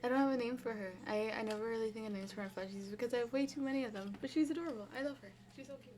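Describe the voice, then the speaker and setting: A woman's voice: fairly high pitch, very fast, darkish tone, slight background noise. A young woman from Los Angeles with a lisp from new braces, chatting in a rambling, gushing way as a game streamer answering questions in a casual vlog. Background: background music.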